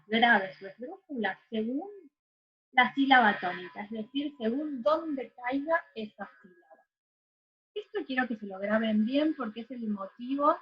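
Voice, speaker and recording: A woman's voice: fairly high pitch, highs cut off. Patient woman teacher. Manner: patient, explanatory, checks understanding with tag questions. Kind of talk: recorded online lesson.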